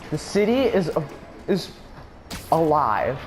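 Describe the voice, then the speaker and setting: Excitable man rambling over gameplay. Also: fairly high pitch, slow, faint music behind. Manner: excitable and rambling, with restarts and laughs. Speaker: gaming YouTuber. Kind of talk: gameplay commentary.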